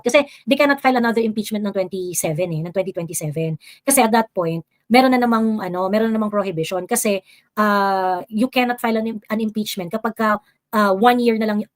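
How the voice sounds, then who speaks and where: A Filipino woman hosting a live stream, reading viewer comments and talking politics in a casual mix of Tagalog and English, full of fillers and exasperated asides. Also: medium pitch. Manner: switches between Tagalog and English, many fillers, rising exasperation.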